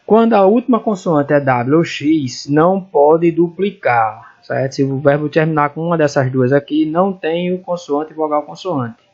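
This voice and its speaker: A man's voice: on the high side, normal speed, darkish tone, dull audio. A man teaching English grammar in Portuguese, stopping often to spell English words out letter by letter. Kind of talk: grammar lesson walkthrough.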